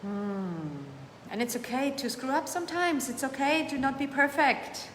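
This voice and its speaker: Female live-stream coach, slightly high, encouraging and emphatic; echoey room with faint background hum. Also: lively intonation, moderate pace. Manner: warm, emphatic, repeats phrases for emphasis; reads viewer comments aloud and answers them. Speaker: host of a live coaching show. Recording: echoey room with long reverb, faint ambience.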